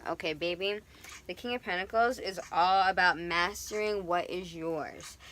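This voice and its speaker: A young woman giving a casual, animated tarot reading, chatty and playful. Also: lowish voice, moderate pace. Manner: animated, chatty, swings into playful quoted voices. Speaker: tarot reader.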